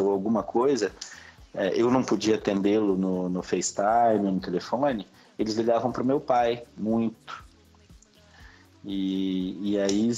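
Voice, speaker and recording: A Brazilian man in middle age, guesting on a podcast, relaxedly recounts events from his life in Brazilian Portuguese. He has a low-leaning voice with a darkish tone, heard through slightly dull, lo-fi sound.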